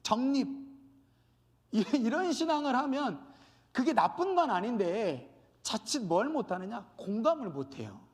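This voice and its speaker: Animated high-voiced male preacher, echoing hall. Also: moderate pace. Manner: animated, acts out quoted dialogue. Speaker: pastor. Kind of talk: sermon. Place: church sanctuary.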